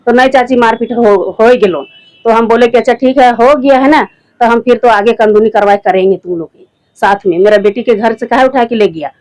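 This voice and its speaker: A middle-aged woman with a rural Jharkhand accent and a somewhat high voice speaks in plain, repetitive village speech. She recounts events to a reporter and often slips into quoting what others said. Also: a little fast, darkish tone, rough recording. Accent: Jharkhand rural Hindi. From Jharkhand, India. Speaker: interviewee, mother, former village head. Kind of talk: spoken account to a reporter.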